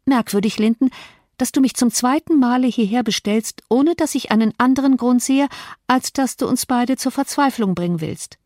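A woman's voice: a little high, moderate pace, darkish tone, dry recording, studio quality, pitched above the performer's own voice, natural voice. A woman reading an audiobook, voicing a proud, impatient young woman who scolds indignantly.

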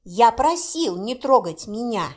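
A woman reading an audiobook, voicing a menacing male inquisitor who hisses and barks orders in a slow, cold way. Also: very high-pitched, very animated, full character voice. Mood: hissing. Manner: hissing, cold and scolding.

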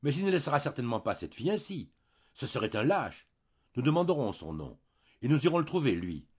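A man voicing a stubborn young wife, husky. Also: sits low, very animated, normal speed, dull audio, heavily acted. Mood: insistent. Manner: pleading, insistent.

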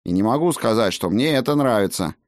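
A man's voice: fairly low pitch, lively intonation, fairly quick, no echo, clean studio sound, pitched above the performer's own voice, close to an everyday voice. A man voicing a wary, grumbling halfling man who speaks bluntly in an audiobook.

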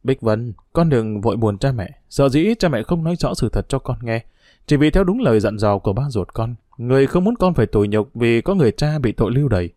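A man voicing a caring middle-aged mother who reassures her daughter, gentle but firm. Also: mid-range voice, expressive, fairly quick, no room sound, studio quality, lightly acted.

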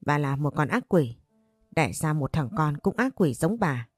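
A woman's voice: low voice, big pitch swings, unhurried, husky, no echo, studio quality, soft background music, full character voice. A woman voicing a betrayed young wife in an audio story, speaking in anguish. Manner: anguished, pleading.

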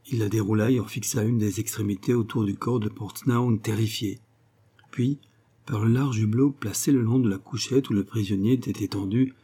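Reading an adventure novel aloud as an audiobook, this narrator keeps a steady, measured pace. His voice is husky and sits fairly low.

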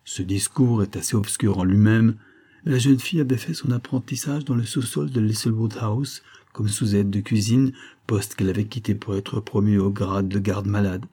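With a fairly low, slightly rough voice, a man reads a classic novel as an audiobook narrator, keeping his reading measured yet expressive.

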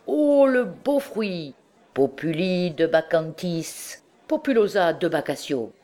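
A woman's voice: very deep voice, expressive, measured pace, darkish tone, some chatter behind, full character voice. A woman voicing a rowdy, boastful drunken young male student in an audiobook, exclaiming and laughing. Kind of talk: audiobook character reading.

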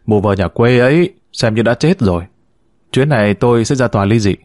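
A man's voice: medium pitch, animated, a little fast, darkish tone, no echo, studio quality, close to an everyday voice. A man voicing a sly, teasing grown man who jokes his way through a read-aloud story. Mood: joking. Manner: jokey, teasing. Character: sly, joking grown man, a returning lover.

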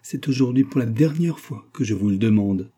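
A man's voice: medium pitch, lively intonation, normal speed, dark tone, husky. A man reading a classic novel aloud, voicing a nineteen-year-old noblewoman who pleads and defies her mother. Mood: pleading. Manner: pleading, tense. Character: young noblewoman, nineteen, desperate and defiant.

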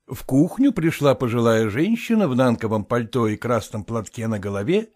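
Expressive male audiobook narrator. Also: mid-range voice, moderate pace. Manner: expressive, dramatic reading. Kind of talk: literary audiobook reading.

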